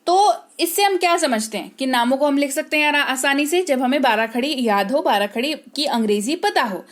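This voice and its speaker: A woman teaching English spelling, speaking patiently, repeating words slowly and checking that her students follow. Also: sits high, lively intonation. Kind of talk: explaining spelling to learners.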